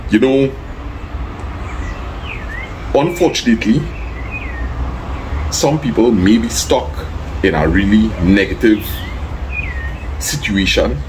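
A man's voice: fairly low pitch, slow, pauses often, background noise. A man with a Trinidadian accent, chatting casually to his viewers and thanking people by name. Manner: easygoing, thanks people by name, gives plain advice. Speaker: vlogger. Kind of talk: casual vlog chat.

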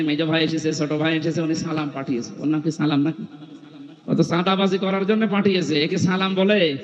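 A male preacher giving a sermon at a large open-air evening gathering, emphatic and chiding with touches of humor, through a stage microphone. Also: a little high. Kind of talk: Islamic sermon at an outdoor gathering. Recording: muffled hall echo from PA.

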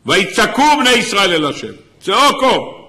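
A man's voice: sits high, sing-song, bright, forceful tone. A man, a rabbi, giving an impassioned sermon, sometimes crying out. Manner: impassioned preaching, crying out in places.

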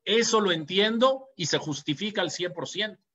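A man's voice: high-pitched, expressive, moderate pace, bright, forceful tone. A young adult man with a Mexican Spanish accent, a rabbi giving an earnest sermon and telling stories. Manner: earnest and storytelling, with dramatic raised quotes. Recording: dull lo-fi recording.

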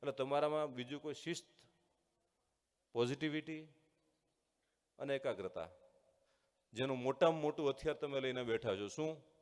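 A man who is a former student giving a motivational speech with a story to schoolchildren, earnest, acting out voices and slowing down for key points. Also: medium pitch, smooth. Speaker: guest speaker, former student addressing schoolchildren. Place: large hall at a school event. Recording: long hall reverb.

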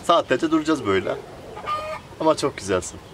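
A man's voice: medium pitch, animated, fairly quick, background noise. A man vlogging from his poultry coop, chatting playfully to the camera and coaxing the bird he holds. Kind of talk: casual chat to camera. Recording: clucking birds loud behind. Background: chickens and quails clucking.

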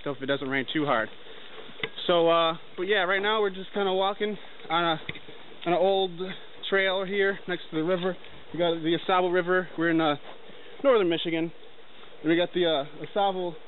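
A young man narrates his hike to a camera held at arm's length, chatting loosely as he walks through the woods. His voice sits a bit high. The sound is thin and phone-like, with faint hiss behind it. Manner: talks while walking, loose and rambling. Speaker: hiker filming a trip. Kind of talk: casual vlog narration while hiking. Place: outdoors in a forest. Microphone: handheld camera at arm's length. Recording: tinny lo-fi camera audio with faint noise.

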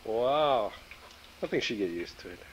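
A man's voice: on the low side, lively intonation, measured pace, a little hiss or hum, rough recording. Man narrating on old VHS home video. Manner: chatty narrating while filming, coaxing a toddler. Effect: old VHS home video tape. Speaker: family member filming at home. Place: home living room on Christmas morning. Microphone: camcorder built-in mic, operator behind camera.

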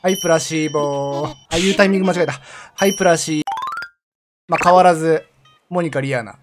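A young man giving casual commentary while streaming a game, chatty and laughing often, with sudden loud outbursts. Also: a little high, fast talker. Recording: game music playing behind the voice. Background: background game music.

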